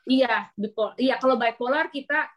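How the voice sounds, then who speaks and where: Wanita dokter anak asal Indonesia, suara tinggi, bercerita dengan hidup. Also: female voice, fairly high pitch, normal speed, lo-fi sound. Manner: animated storyteller, mixes English terms. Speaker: pediatrician guest. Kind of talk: casual interview chat.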